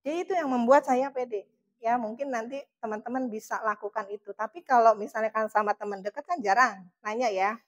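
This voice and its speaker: A woman's voice: fairly high pitch, fairly quick. A woman giving a casual, emphatic motivational training talk and laughing often. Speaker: motivational trainer for charity fundraisers.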